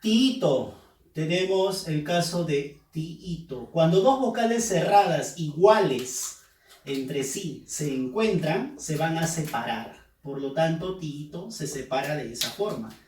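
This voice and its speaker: A man's voice: a little high, lively intonation, takes it slowly, a little mellow. A male teacher giving a recorded review lesson, explaining patiently and repeating key terms. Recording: roomy echo, mic at a distance.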